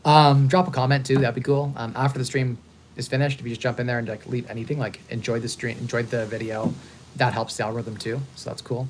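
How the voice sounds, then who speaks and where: A man in his thirties hosting a casual live stream, upbeat and talking in quick bursts with frequent restarts. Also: mid-range voice, little pitch movement, a little hiss or hum. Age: 30s. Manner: fast-talking, upbeat, repeats and restarts words. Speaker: host. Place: hotel.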